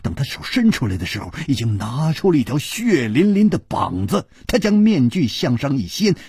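A male storyteller performing a long-form story broadcast. His voice is husky and dry, with a wildly animated pitch as he builds suspense. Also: normal speed, no echo. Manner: dramatic, shifting tempo and pitch.

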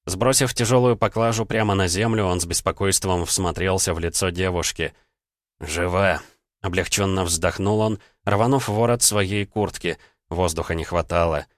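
A man reads an audiobook in a steady, measured way. His voice is deep and low. The recording is dry and close, with no room sound. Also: no echo. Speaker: audiobook narrator. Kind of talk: scripted audiobook narration.

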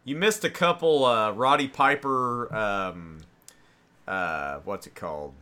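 A man with a Boston accent gives loose, profane commentary as a podcast co-host. His voice is bright and forward, and he breaks into laughter often. His delivery stays excitable. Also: mid-range voice, takes it slowly, smooth. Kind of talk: casual commentary while watching wrestling.

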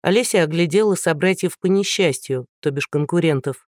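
A man narrating an audiobook in a steady storytelling manner with light irony. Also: fairly high pitch, brisk, dry recording, clean studio sound. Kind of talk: scripted narration.

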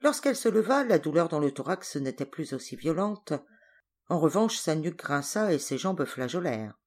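A woman narrating a story for an audiobook in a measured, clear reading voice. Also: low voice, sing-song, darkish tone. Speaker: audiobook reader. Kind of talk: scripted narration.

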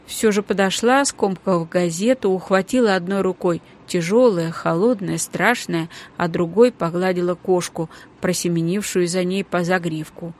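A woman narrating a children's book audiobook in a calm, even storytelling manner. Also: on the low side, moderate pace, hardly any pauses. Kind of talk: scripted narration.

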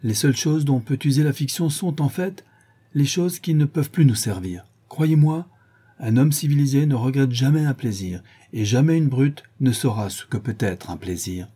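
A man's voice: mid-range voice, moderate pace, dark tone, slightly rough, pitched above the performer's own voice, natural voice. A man voicing a witty, cynical aristocratic dandy who speaks in airy epigrams, in a classic novel audiobook. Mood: languid, witty.

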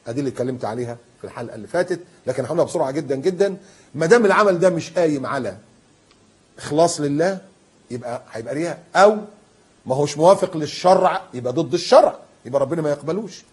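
Animated husky Egyptian preacher. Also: male voice, a little high. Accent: Egyptian Arabic. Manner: animated, switching between quiet asides and loud recited verses. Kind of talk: sermon.

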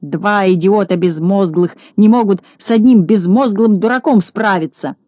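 A woman voicing a furious bald male shorty landowner, shouting and screeching threats. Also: medium pitch, moderate pace, no room sound, close to an everyday voice. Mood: shrill rage.

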